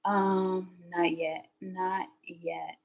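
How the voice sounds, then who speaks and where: A woman hosts a live tarot stream, chatting casually with viewers as a rambling storyteller whose pitch leaps up when she gets excited. She speaks very slowly with vocal fry, and the audio is poor.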